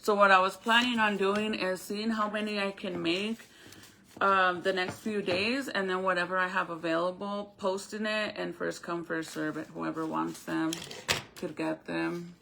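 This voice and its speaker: On a live stream, a woman chats casually while explaining a craft, speaking informally and directly to viewers with a retainer in her mouth. Her voice is lowish, steady, bright and forceful, with vocal fry at a normal speed. There's a little hiss or hum.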